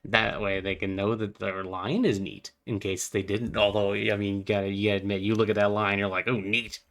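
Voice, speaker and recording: A man's voice: on the low side, little pitch movement, fairly quick, fairly bright tone. A young man rambling casually about spiritual ideas while playing a game, full of fillers and playful asides. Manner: meandering, filler-heavy, playful, easily distracted. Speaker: gaming vlogger.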